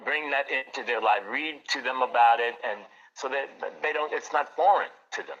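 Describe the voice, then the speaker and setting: A man's voice: mid-range voice, moderate pace, sharp tone, dull audio. A man who runs an art gallery, talking earnestly in a casual interview and often repeating his words. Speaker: art gallery owner, guest.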